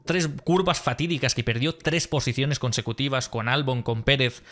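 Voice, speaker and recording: A man's voice: normal speed, fairly bright tone. Emphatic man. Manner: emphatic, exasperated retelling with rising pitch. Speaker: motorsport vlogger. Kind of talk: post-race analysis vlog.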